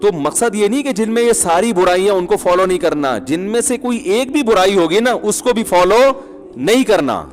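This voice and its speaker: A man's voice: high-pitched, lively intonation, big-room sound. A man giving a humorous, conversational sermon as an Islamic preacher, with chuckling asides.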